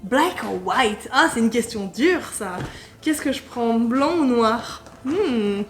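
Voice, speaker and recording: A playful woman vlogger with a high voice talks her way through an online quiz, cracking jokes and laughing often. She reads English words aloud with a loose, approximate accent in a light, casual tone. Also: animated, slow pace, faint music behind. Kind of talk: casual commentary while taking an online quiz.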